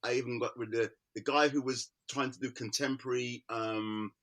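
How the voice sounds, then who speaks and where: A middle-aged man with a London accent, an artist chatting casually and telling animated stories, acting out the people he quotes. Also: medium pitch, moderate pace. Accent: London English. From Britain. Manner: animated storyteller, acts out quoted voices with laughter. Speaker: artist guest. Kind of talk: casual conversation.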